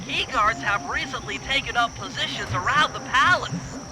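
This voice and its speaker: Against clear background music, a nerdy turtle mastermind with a very high, nasal male voice lays out a heist plan with fussy precision. His cautious, earnest cartoon game delivery moves at a moderate pace and feels instructive.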